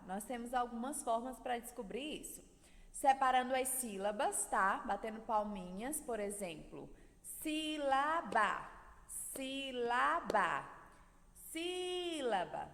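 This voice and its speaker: Lively Brazilian teacher in an echoey room. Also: female voice, a little high. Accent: Brazilian Portuguese. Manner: drawn-out syllables, sing-song stress on words. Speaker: primary school teacher. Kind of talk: recorded video lesson for children.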